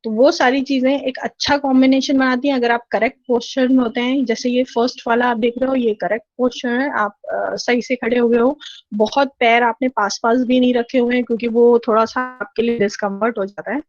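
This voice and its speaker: Higher-voiced woman lecturing over slides. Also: steady tone, a little fast, no room sound. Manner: explanatory, frequent 'theek hai' check-ins. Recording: dull, lo-fi and dry.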